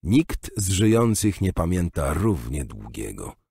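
A man's voice: deep voice, sing-song, breathy edge, full character voice. A man as a patient old maester. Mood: explaining. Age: older. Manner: measured, explaining gently.

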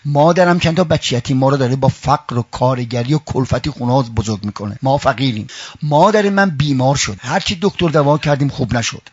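A man's voice: medium pitch, breathy edge, no room sound, voice pushed down, lightly acted. A preacher playing a poor orphan boy of six or seven who tells his troubles plaintively, in a dull lo-fi recording. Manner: tearful, plaintive.

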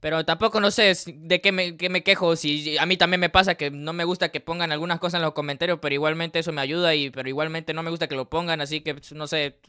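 A man's voice: fairly high pitch, fairly even intonation, fast talker, few pauses, bright, forceful tone, clear, resonant tone. A man with a Mexican accent hosting a reaction video, talking in a casual, joking, rambling way with side comments. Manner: joking, rambling asides with laughs.

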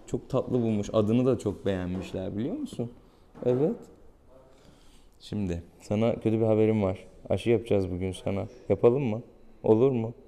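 A man's mellow, low-leaning voice belongs to a vet presenting a clinic video in a small exam room. He keeps things casual and playful with the pet and viewers, teasing the animal affectionately, while clear room noise plays behind him.

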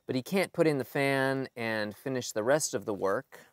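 A man in his forties explains a basement project in a relaxed vlog, thinking aloud with frequent ums and restarts, recorded in a cluttered basement. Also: medium pitch, normal speed, no room sound, studio quality. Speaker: home improvement vlogger. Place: cluttered basement storage area.

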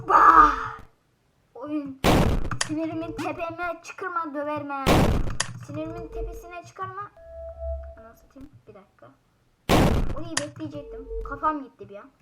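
A woman with a high voice talks her viewers through a platformer, getting frustrated and cursing at the game. Loud game music plays behind her the whole time. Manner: frustrated, swears and yells at the game. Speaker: gaming YouTuber. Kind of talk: casual gameplay commentary.

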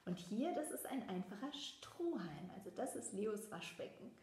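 A woman reading a picture book aloud to children, lively and chatty, showing them the pictures. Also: mid-range voice, normal speed, reverberant. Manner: lively, talks directly to children. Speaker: storybook reader.

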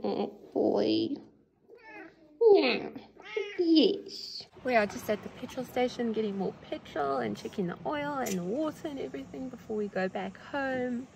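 A woman's voice: a little high, unhurried, vocal fry, darkish tone, a little hiss or hum. A woman in her forties with a South African accent, chatting playfully to the camera during a road-trip vlog from inside a car, filmed on a phone held at arm's length. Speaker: vlogger. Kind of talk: casual travel vlog. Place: inside a car at a petrol station.

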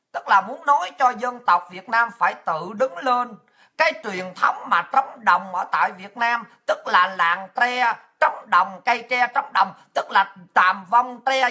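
A woman's voice: fairly high pitch, pushed and bright, husky. A woman with a Southern Vietnamese accent giving an angry, profane political rant. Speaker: political commentator.

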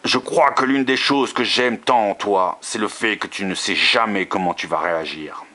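A man's voice: on the low side, normal speed, sharp tone. A man reading the lines of an offhand, gallant prince, barely changing his own voice.

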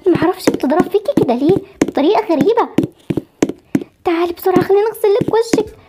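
A woman's voice: extremely high pitch, expressive, fast talker, very noisy. A woman with an Egyptian accent voicing a fretful young mother of twin girls, in an amateur voiced game story. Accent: Egyptian Arabic. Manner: fretful, scolding and soothing by turns.

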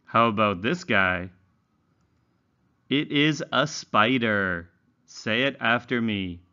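Reading along with young learners, a man teaches English in a slow, medium-pitched voice that is sharp yet clear and resonant. He enunciates carefully, using exaggerated, instructional intonation, though the audio is dull.

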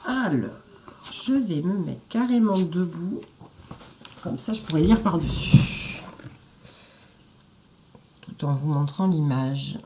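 Brief: animated woman storyteller reading to kids, chatty, playful asides. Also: deep voice, slow pace, long pauses, noisy background. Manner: lively, chatty asides to young listeners. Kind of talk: reading a fairy tale aloud to children. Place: indoors at home, standing.

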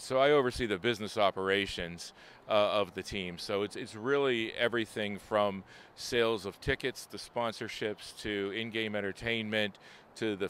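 Middle-aged man from Pittsburgh, lowish voice, relaxed executive, faint hum behind. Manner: easygoing, hesitant with fillers. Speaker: team president. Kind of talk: casual interview answers. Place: stadium offices and deck. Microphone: handheld mic held by interviewer.

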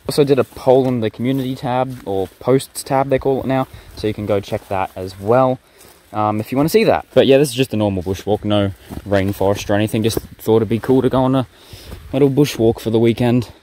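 A young male vlogger narrates his vlog and comments on a bushwalk, chatting in an easygoing, rambling way. His voice is medium-pitched, mellow and brisk.

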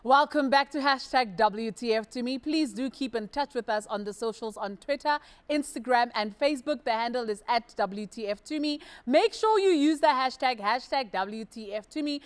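A woman's voice: on the high side, normal speed, few pauses, clear, resonant tone. A woman in her thirties who hosts a casual talk show and laughs easily. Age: 30s.

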